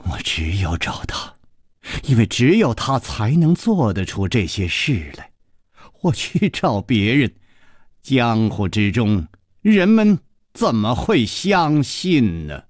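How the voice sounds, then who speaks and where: A male storyteller voicing a ruthless, imperious palace mistress who speaks low, slow and half-whispered with quiet menace. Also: big pitch swings, no room sound, studio quality. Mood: cold menacing.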